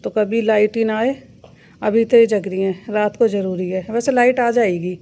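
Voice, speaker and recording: A woman's voice: medium pitch, steady tone, normal speed, creaky, warm tone. A young woman and mother chatting casually in a home vlog, coaxing her children in a sing-song way. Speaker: vlogger and mother. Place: outdoors at home in the rain.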